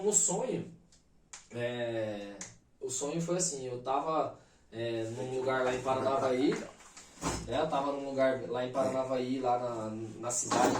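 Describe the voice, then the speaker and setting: A Brazilian man in his thirties, a podcast guest, telling a personal story in an animated, emphatic way full of slang fillers. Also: medium pitch, slight background noise. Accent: Brazilian Portuguese. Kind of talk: casual storytelling. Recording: roomy echo, mic at a distance.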